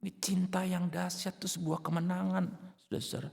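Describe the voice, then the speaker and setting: A male pastor preaching a sermon in a dramatic way, now and then shouting out acted outbursts. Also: high-pitched, little pitch movement, brisk, gravelly, big-room sound.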